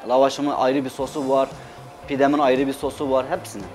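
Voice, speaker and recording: The guest here is a man in his thirties from Adana in Turkey, a chef who runs a restaurant, chatting in an interview on a TV studio kitchen set over background music. He sounds mid-range and darkish, with flat, brisk delivery, though he stays emphatic and repeats words for stress.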